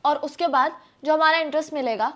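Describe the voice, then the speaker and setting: A woman's voice: high voice, fairly quick, fairly bright tone. A young woman acting as a thrifty wife who firmly lectures her husband about saving money in a scripted family skit. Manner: firm, persuasive, lecturing.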